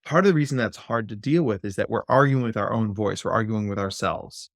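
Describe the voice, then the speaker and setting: A man, a clinical psychologist, talking as a guest in a podcast interview. He speaks in an animated, playful way and slips into silly voices. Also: fairly low pitch, brisk, gravelly, dry recording, clean studio sound.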